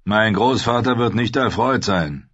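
A man's voice: lowish voice, measured pace, husky, dry recording, pitched above the performer's own voice. A man doing a hostile young knight. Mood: cold. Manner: accusing, sharp. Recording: dull, slightly lo-fi audio.

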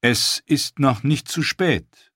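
A man's voice: medium pitch, animated, slow, fairly bright tone, breathy edge, no echo, studio quality, voice pushed up, exaggerated voice. Man playing an indignant proud knight.

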